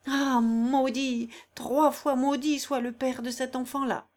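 A woman's voice: mid-range voice, expressive, unhurried, a little mellow, lightly acted. A woman voicing a fierce, robust singer in agonizing labor, cursing, defiant and cynical. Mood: raging. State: in agonizing pain.

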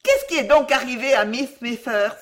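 A woman voicing an old, imperious headmistress of a girls' boarding school, crying out in a high scolding voice. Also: very animated, measured pace, exaggerated voice. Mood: angry.

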